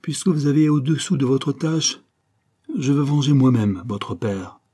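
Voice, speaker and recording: Stern older matriarch, read by a man: deep, husky, imperious, dark-toned. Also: animated, unhurried. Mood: commanding. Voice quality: deep, hoarse voice. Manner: commanding, imperious.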